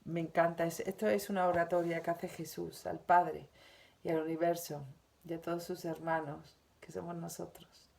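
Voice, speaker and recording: Una mujer con acento de España que lee y comenta una lección espiritual diaria, con tono suave, sentido y reflexivo. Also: female voice, on the low side, flat delivery, normal speed, vocal fry, darkish tone. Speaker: spiritual teacher. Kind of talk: reading and commenting on a daily spiritual lesson.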